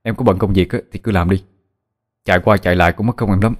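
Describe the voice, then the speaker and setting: A man doing a weary young man back from the jungle, his voice raised a bit above a deep base. He speaks with a choked, emotional catch. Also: steady tone, quick pace. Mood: calm.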